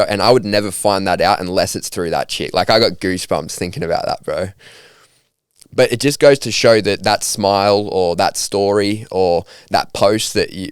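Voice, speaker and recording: A young Australian man with a low, smooth, resonant voice, chatting in a laid-back, upbeat way full of slang. The sound is close and dry. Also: dry recording. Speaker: podcast guest. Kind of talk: casual conversational storytelling.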